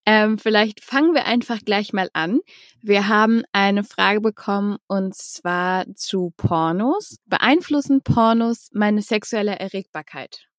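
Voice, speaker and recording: Woman, young adult, podcast host, video call, friendly and chatty, middle pitch, dry sound. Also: a little slow, dry recording. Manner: friendly, conversational, with fillers. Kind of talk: casual podcast interview over video call.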